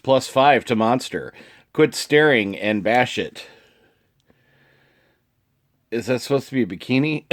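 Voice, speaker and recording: A man hosting his own channel, casually reading card text aloud with short asides and chuckles. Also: medium pitch. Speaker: channel host reviewing card game cards.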